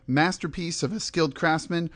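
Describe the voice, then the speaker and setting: Hosting a film review podcast, a man shifts between prepared remarks and casual discussion of his views. He speaks at a moderate pace in a fairly high, slightly bright voice with fairly even intonation.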